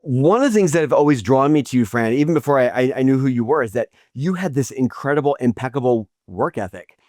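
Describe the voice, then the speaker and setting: A man's voice: medium pitch, animated, fast talker, darkish tone, dry recording, clean studio sound. A middle-aged man hosting an interview, speaking with admiration and frequent restarts. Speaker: podcast host. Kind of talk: interview conversation.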